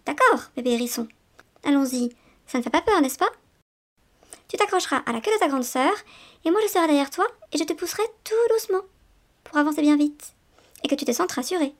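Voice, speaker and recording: A woman voicing a gentle mother hedgehog. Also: high voice, animated, fairly quick, pauses often. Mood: soothing. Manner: soft and reassuring. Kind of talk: storybook reading.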